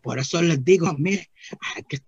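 A naive, rambling rustic churchgoer, as a man puts him on in a comic monologue, speaking with a gravelly, husky voice pitched a bit high. He keeps looping back with "mire" and acts out the other voices in his tale. The recording is dull and lo-fi, and the room sounds dry. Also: moderate pace, no room sound, heavily acted.

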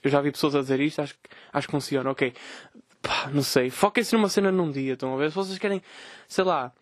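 A man's voice: a little high, fairly even intonation, fast talker, no echo. A young man with a European Portuguese accent, ranting sarcastically and swearing on his solo podcast. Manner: profane, sarcastic, mocking voices of others. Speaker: podcast host.

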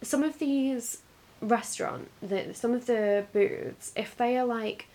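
A woman's voice: fairly high pitch, takes it slowly, a little mellow. A woman, co-hosting a podcast in casual chat, talking chattily and acting out little quotes. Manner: chatty, restarts sentences, acts out quotes. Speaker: podcast co-host.

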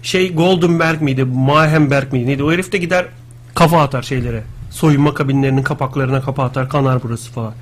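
A man co-hosting a live radio talk show, chatting and joking in quick banter. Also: mid-range voice, steady tone. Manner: rapid, joking banter with impressions. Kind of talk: casual live radio chat.

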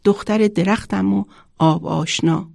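A woman's voice: mid-range voice, steady tone, creaky, darkish tone, no room sound, studio quality. A brave little tree girl, as a woman narrator voices her. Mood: eager. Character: young girl born of a tree, brave and caring.

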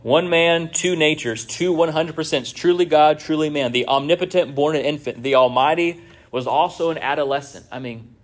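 A man's voice: on the high side, normal speed. A man preaching a sermon in a church, conversational, with many rhetorical asides to the congregation. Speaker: pastor.

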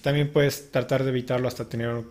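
Man, podcast co-host, earnest advice, step by step, mid-pitched voice. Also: level tone, fairly quick, a little mellow. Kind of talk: casual podcast chat.

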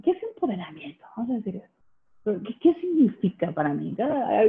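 A woman's voice: medium pitch, a little fast, gravelly. Monterrey woman telling stories on a tinny line. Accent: northern Mexican (Monterrey). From Monterrey, Mexico. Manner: storytelling, animated, laughs often. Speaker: guest. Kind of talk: casual conversation.

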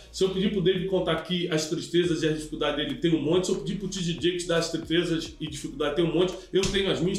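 A man's voice: high voice, recorded from a distance, slight background noise. A man hosting a podcast conversation, talking reflectively and asking his guest questions. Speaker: podcast host. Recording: very echoey room, off-mic.

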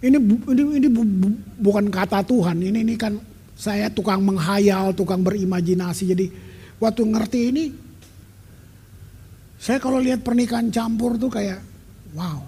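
A man's voice: sits high, steady tone, normal speed, dark tone, husky. A middle-aged man preaching a sermon as pastor, talking emphatically and conversationally and dropping in English phrases. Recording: long reverb of a large hall.

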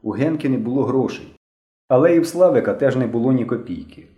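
A man reads an audiobook in an expressive storytelling manner. His voice is mellow, and his pitch moves with a lively range. The reading is heard in a roomy, echoey space. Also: fast talker, dull audio. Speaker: narrator. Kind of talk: audiobook narration. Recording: roomy echo.

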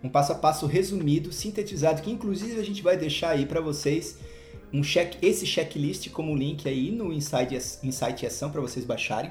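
A man's voice: fairly high pitch, a little mellow. A man hosting a casual podcast, explaining things in an upbeat way and drawing out key words. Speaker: podcast host. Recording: roomy echo.

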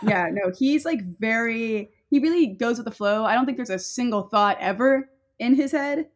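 A woman's voice: on the high side, normal speed. A young adult woman telling a personal story in casual chat, rambling with many fillers and breaking off into laughter.

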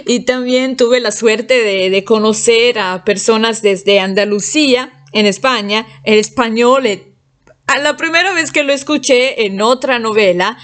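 A woman whose first language is Italian, chatting casually in a monologue and laughing often between phrases. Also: on the high side.

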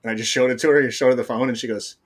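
A middle-aged man telling his story as a guest in a casual conversation, talking rapidly with many restarts. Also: mid-range voice, fairly even intonation.

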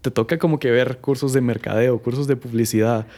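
A man's voice: medium pitch, steady tone, a little fast, warm tone. A man chatting casually as a photographer guest, rambling with many fillers and quoted asides. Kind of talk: casual chat.

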